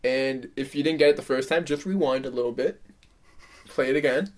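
A man's voice: mid-range voice, a little fast. A man guesting on a comedy podcast, joking in a self-deprecating way. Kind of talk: casual comedy podcast chat.

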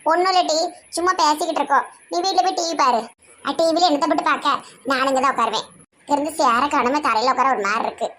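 A woman's voice: high-pitched, fast talker, fairly bright tone, slight background noise. A woman with a Tirunelveli Tamil accent, chatting and teasing in a village comedy sketch.

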